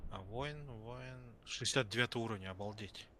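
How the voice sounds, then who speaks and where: A man's voice: on the low side, normal speed. A man streaming a video game, explaining things in casual chat. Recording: faint background game noise.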